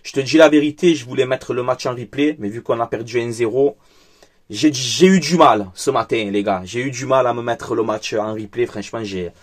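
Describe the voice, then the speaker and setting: Upset guy talking football, chatty and frank, fillers everywhere, average pitch. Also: normal speed. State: angry and upset. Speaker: football vlogger. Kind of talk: casual football debrief.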